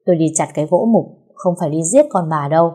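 A gruff young husband, worn out by his wife's tricks, as a woman narrator voices him. The voice sits low and mellow with a husky grain. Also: fast. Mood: wry. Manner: gruff, exasperated.

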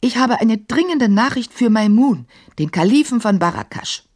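A woman's voice: on the high side, animated, normal speed, breathy edge, voice pushed up. A woman doing a bold eight-year-old girl. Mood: polite. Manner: sharp, indignant exclamations.

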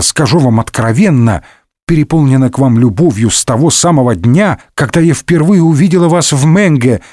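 A scheming noblewoman coos and mocks her lover, as a man reading aloud puts her on. Her voice sits higher than a plain reading and swings about with animated lilts, close and dry with no room around it. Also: no echo, lightly acted. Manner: cooing and teasing, coldly sly in asides. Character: scheming seductive noblewoman, mocking.

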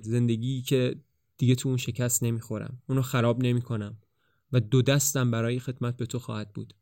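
Man reading a scared young man turned bold, urgent and pleading, middle pitch, for a storybook. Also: darkish tone, dry recording, studio quality, lightly acted. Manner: urgent, pleading, rising to passionate.

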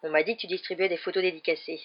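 A woman doing a jovial gruff giant gamekeeper. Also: lowish voice, little pitch movement, rapid-fire, lo-fi sound, natural voice. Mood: teasing.

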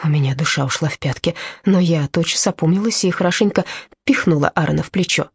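A woman narrating an audiobook in first person with expressive storytelling. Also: lowish voice, fairly quick, husky.

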